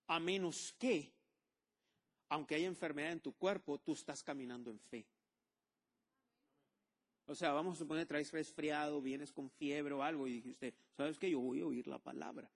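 A male pastor, preaching a sermon with lively call-and-response to the congregation. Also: fairly high pitch.

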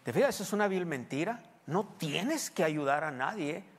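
A man's voice: a little high, expressive, normal speed, in a large hall. A male pastor preaches a sermon in a church. He talks to the congregation conversationally and often asks them questions.

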